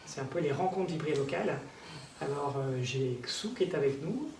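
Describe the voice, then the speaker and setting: A man hosting a casual interview, asking questions in a relaxed way with fillers. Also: a little high, normal speed. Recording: echoey room, distant mic, clear background noise.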